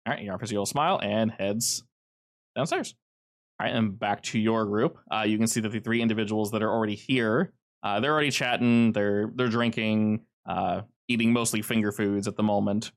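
A man narrating as game master of a tabletop game, relaxed, with many filler words. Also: on the low side, brisk.

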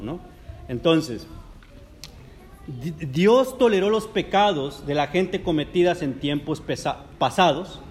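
A man's voice: a little high, a little hiss or hum. A man preaching a sermon in a conversational way, joking with the congregation. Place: church service.

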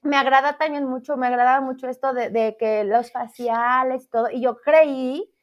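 High-voiced woman telling her story. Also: moderate pace. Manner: chatty, self-deprecating, animated storytelling. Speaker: math teacher, guest. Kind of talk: casual interview chat. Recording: slightly dull lo-fi audio.

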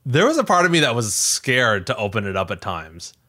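A man co-hosting a podcast speaks at a medium pitch and a little fast in casual tech chat. He's animated and conversational, sprinkling his talk heavily with fillers like "like" and "you know."

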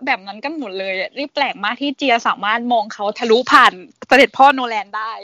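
A woman hosting a podcast in casual chat, chatty and lively. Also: fairly high pitch, a little fast, no echo, clean studio sound. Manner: lively, chatty, refers to herself by nickname. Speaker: podcast host.

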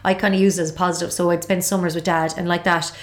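A woman's voice: fairly low pitch, little pitch movement, racing. A woman with a west of Ireland accent, telling stories about herself in a chatty, rambling way as an interview guest. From Ireland, born in Dublin and raised in Galway. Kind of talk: casual autobiographical chat.

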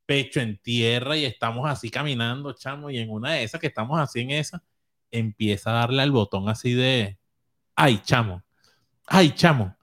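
A Venezuelan man tells a long anecdote on a podcast. He rambles, corrects himself mid-sentence and laughs at his own embarrassment. His voice is at an everyday middle pitch. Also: fairly quick, fairly bright tone. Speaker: podcast co-host. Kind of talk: casual storytelling chat.

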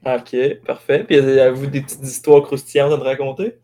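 A man's voice: mid-range voice, fairly quick. A young man with a Québécois accent hosting a podcast, telling casual stories and laughing often. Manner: laughs often, relaxed storytelling. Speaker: podcast host. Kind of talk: casual chat.

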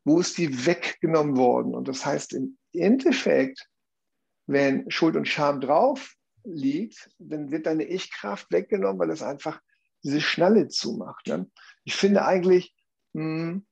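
A man's voice: on the high side, measured pace, creaky, darkish tone, husky, highs cut off. A man explaining a view earnestly in conversation, often checking in with tag questions.

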